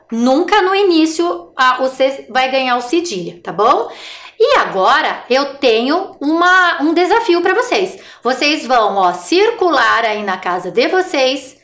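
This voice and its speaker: A woman teaching young children in a recorded remote class, encouraging and speaking slowly and clearly. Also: high voice, fairly bright tone, roomy sound. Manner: encouraging, sing-song, slow and clear for children. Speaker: primary school teacher.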